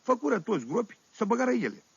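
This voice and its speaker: An actor voices a middle-aged Oltenian peasant who tells jokey, wandering stories in his local accent for a 1970s radio comedy monologue, staying fully in character. The male voice sits high with a husky, sing-song lilt and an amused mood. There is no echo, and the sound is the dull, dry quality of a 1978 vinyl radio recording.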